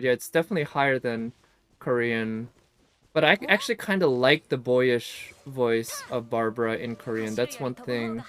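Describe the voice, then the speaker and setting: A man talks through his gameplay on a live stream, musing and picking apart details as he goes. His voice sits at an average pitch, casual and unhurried in tone. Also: fairly bright tone. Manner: musing, analytical.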